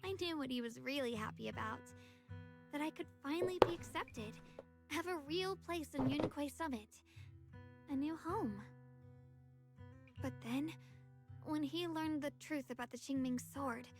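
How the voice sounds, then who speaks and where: Young female sword wielder, high and soft, reflective, with faint game music behind. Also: a little slow, long pauses. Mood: wistful. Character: young woman sword wielder, earnest, recalling her brother. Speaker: game character. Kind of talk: voiced game dialogue.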